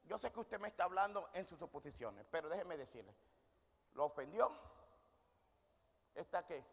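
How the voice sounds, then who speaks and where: A man's voice: a little high, expressive, normal speed, creaky, slightly rough. A man preaching a sermon in a church hall. He poses questions to the congregation and answers them himself. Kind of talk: sermon with audience call-and-response. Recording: long hall reverb.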